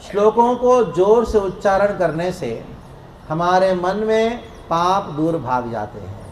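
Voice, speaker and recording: A man preaching a devotional discourse to a congregation in a temple hall, playful and lively, leading the crowd in call-and-response chanting. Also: sits high, slow pace. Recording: echoey hall with faint noise.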